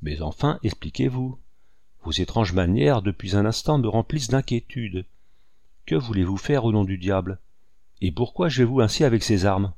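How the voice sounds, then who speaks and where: A man reading aloud voices a commanding male general, speaking forcefully and with agitation. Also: on the low side, expressive, moderate pace, no room sound, clean studio sound. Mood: anxious.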